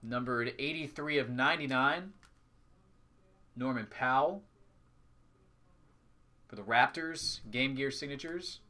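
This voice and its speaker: A man's voice: mid-range voice, takes it slowly, long pauses, pushed and bright. A man hosting a live trading card break, calling out items in short, clipped announcing phrases. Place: indoors at a tabletop with a display backdrop.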